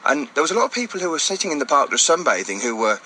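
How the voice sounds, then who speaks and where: A man's voice: fairly high pitch, big pitch swings, very fast, sharp tone, slight background noise. A man giving informal, step-by-step explanations as an interview guest. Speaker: interview guest, blind cricket player. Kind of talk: casual explanatory interview talk.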